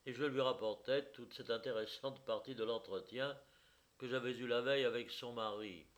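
A man narrating a classic story in a measured, theatrical storytelling manner. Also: mid-range voice. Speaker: audiobook narrator. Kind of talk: scripted literary narration.

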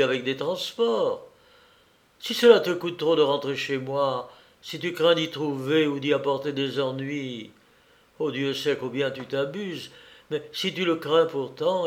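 A man reading aloud voices an anxious, tender mother who pleads with her daughter. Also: a little high. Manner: pleading, timid, then overjoyed.

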